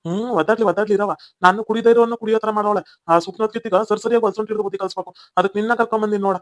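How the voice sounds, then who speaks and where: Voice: mid-range voice, steady tone, very fast, no room sound, natural voice. A performer with a North Karnataka Kannada accent voicing a smug, swaggering cheating husband in a cartoon comedy. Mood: scornful. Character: smug cheating husband, rich village man.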